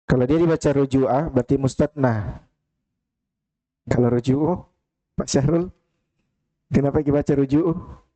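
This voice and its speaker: Slow, mellow teacher. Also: male voice, medium pitch, rough recording. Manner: calls on students by name, quizzing and teasing. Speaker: teacher of Arabic grammar. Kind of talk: classroom Q&A on Arabic grammar. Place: mosque study hall.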